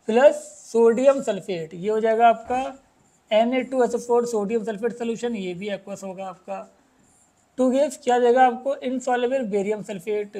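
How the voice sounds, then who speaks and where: High-voiced man teaching chemistry. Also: mellow. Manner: addresses students as "beta", keeps asking if it is clear; reads English questions slowly, explains in Hindi. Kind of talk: chemistry lesson.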